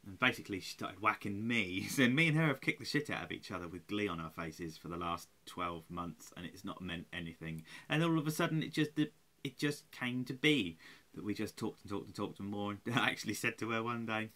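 Recording himself on a nearby webcam in a small room at home, a roughly forty-year-old vlogger sounds tired, rambling with curses and self-mockery. He talks fairly quickly in a fairly low, bright, forceful voice.

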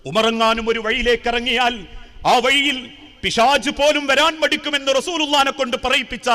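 A man with a Malayali accent preaching an emotional sermon, telling a story with dramatic swells and hushed drops. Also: extremely high pitch, steady tone, normal speed. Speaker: Islamic preacher. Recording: long hall reverb.

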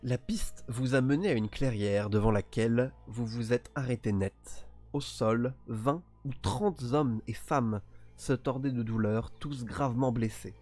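A man's voice: medium pitch, unhurried, darkish tone. Man reading horror narration with joking asides. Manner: joking, mock-defensive asides between narrated passages. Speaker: solo tabletop game player and streamer.

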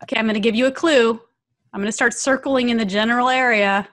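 A woman with a slightly high voice hosts a webinar. She narrates a screen recording walkthrough as a trainer would, putting questions to her audience along the way. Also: fairly even intonation, fast talker, fairly bright tone. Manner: asks the audience questions, prompting responses.

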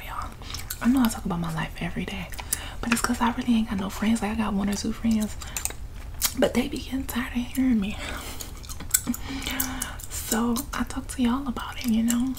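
Sitting indoors in her living room by the couch, a young ASMR vlogger whispers a chatty, laughing ramble to the camera in front of her. Her voice is mid-range, and background noise is audible.

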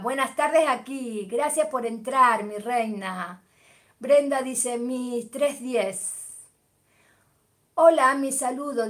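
Chatty Argentine woman on a livestream. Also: a little high. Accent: Argentine Spanish. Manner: chatty, answering viewers by name, animated about football. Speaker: livestream host. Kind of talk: casual live chat reading comments.

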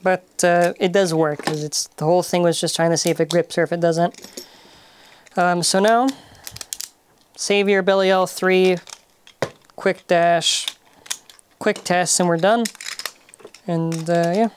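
A woman hosting a toy-testing video gives offhand commentary, stumbling, restarting, and repeating words with plenty of fillers. Her voice is on the low side with fairly even intonation, a measured pace, and long pauses. Loud noise and clicks sit behind her voice.

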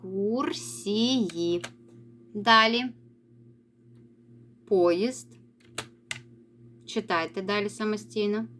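A woman teacher giving a recorded reading lesson to young children, praising them and slowly drawing out words as she models reading. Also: mid-range voice, lively intonation, a little hiss or hum. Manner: encouraging, sing-song, stretches words slowly when modelling reading. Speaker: primary school teacher.

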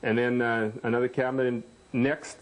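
A man installing kitchen cabinets, with a plain mid-range voice. He talks through the layout in a matter-of-fact way, pausing and restarting as he points things out. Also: mid-range voice, little pitch movement, rough recording. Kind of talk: casual on-site chat. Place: kitchen under renovation.

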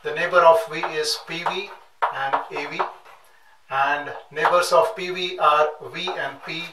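A middle-aged nautical science instructor works through calculations step by step at a classroom chalkboard, methodically repeating numbers slowly as he writes. His voice is on the high side with fairly even intonation. A distant room mic picks him up off-mic, often with his back turned, in an echoey room with clear noise.

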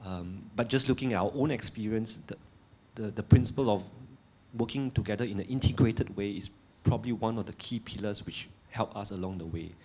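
A man's voice: fairly low pitch, brisk, a little mellow. A man speaking on a panel in a large hall, earnest and holding a handheld mic, often repeating words as he searches for phrasing. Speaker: panelist, Singapore official. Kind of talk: panel discussion answer. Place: large lecture hall on stage. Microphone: handheld microphone.

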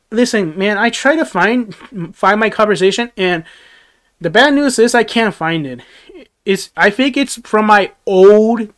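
Speaking into a gaming headset in a small, dim bedroom studio, a young livestream host replies to viewer comments in a casual, rambling way, often restarting and chuckling. His voice is high-pitched with a fairly bright tone.

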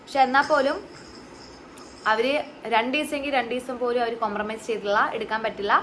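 Chatty young woman vlogging fast. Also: on the high side, a bit bright, slight background noise, low-quality recording. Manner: emotional, chatty, addresses viewers directly. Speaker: vlogger and mother. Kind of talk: casual vlog chat.

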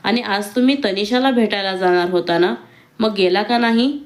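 A woman voicing a timid, hesitant young woman in a read-aloud romance story, speaking with soft pleading. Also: mid-range voice, moderate pace, natural voice. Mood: questioning.

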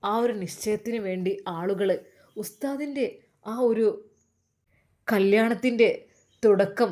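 A woman's voice: mid-range voice, slow, darkish tone. A woman with a Malappuram Malayalam accent narrating a story in an emphatic, exclaiming style.

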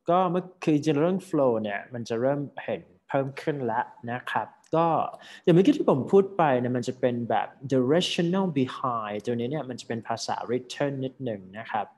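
A man's voice: mid-range voice, darkish tone. A man with a Thai accent coaching a student in a speaking class. He gives friendly feedback with many fillers and polite particles.

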